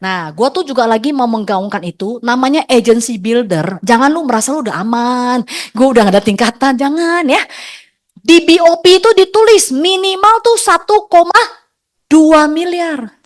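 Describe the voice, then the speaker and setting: A middle-aged woman, giving a lively, chatty motivational stage talk as an agency leader, teasing her audience. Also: high-pitched, normal speed.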